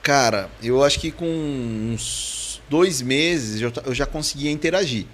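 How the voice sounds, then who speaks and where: A man's voice: medium pitch, unhurried, fairly bright tone, a little hiss or hum. A man with a Brazilian Portuguese accent, a podcast guest telling casual stories, acting out the dialogue and laughing often. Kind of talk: casual storytelling in a podcast interview.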